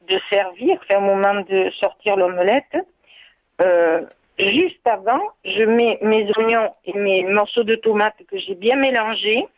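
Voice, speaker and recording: A woman from southwest France with a Bordeaux-area accent, calling in and explaining a recipe in a hesitant way, with many filler pauses. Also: medium pitch. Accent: Bordeaux-area French. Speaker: caller. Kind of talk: call-in recipe chat. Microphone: telephone. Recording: tinny phone line.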